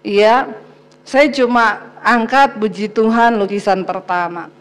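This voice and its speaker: A woman pastor preaching a sermon as a lively personal story, speaking straight to the congregation and laughing often. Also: medium pitch, slow. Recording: long hall reverb.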